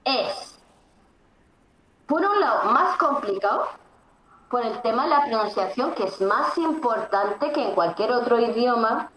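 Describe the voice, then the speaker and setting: A woman as an interview guest, explaining emphatically and often pausing on fillers. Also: fairly high pitch, animated, fairly bright tone. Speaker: interview guest, Swedish teacher. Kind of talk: conversational explanation. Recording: echoey room, faint background noise.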